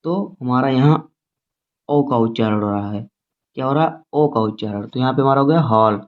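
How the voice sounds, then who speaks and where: A man teaches English phonics in a slow, repetitive classroom manner, spelling words out letter by letter. His voice is medium-pitched, and the audio sounds tinny, like a phone.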